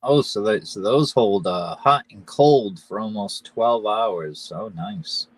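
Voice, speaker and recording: A man hosting a livestream, making brief, relaxed remarks. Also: lowish voice, slow, husky, no echo. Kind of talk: casual chat.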